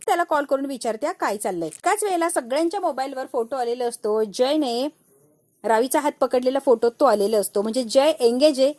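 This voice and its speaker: A woman's voice: high-pitched, a little fast, a little mellow, no room sound, studio quality. A woman casually retelling a TV serial episode, briefly voicing each character's lines as she goes. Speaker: narrator recapping a TV serial. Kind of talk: casual storytelling recap.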